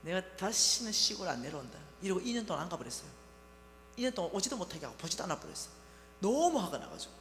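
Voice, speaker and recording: A woman's voice: fairly low pitch, very animated, fast talker, a bit bright. A woman giving an emotional sermon testimony, acting out both sides of a family quarrel. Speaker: church speaker giving a testimony. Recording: echoey hall with faint hum.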